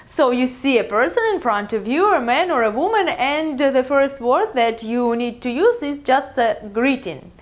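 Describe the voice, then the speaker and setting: Young Russian-accented woman, patient language teacher, unhurried, lilting higher voice. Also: lively intonation. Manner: many filler pauses, drawn-out teaching pace. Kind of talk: slow, careful video lesson.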